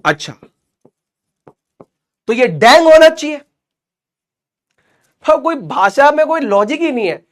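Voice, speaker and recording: High-voiced man teaching. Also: takes it slowly, long pauses. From Rajasthan, India. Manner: lively and joking, repeats questions and answers for drilling. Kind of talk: explanatory lesson.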